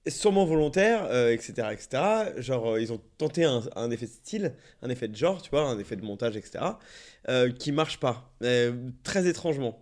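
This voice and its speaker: A man's voice: medium pitch, animated, fairly quick, darkish tone. A man on a casual review panel, analytical, often searching for words. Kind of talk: casual chat.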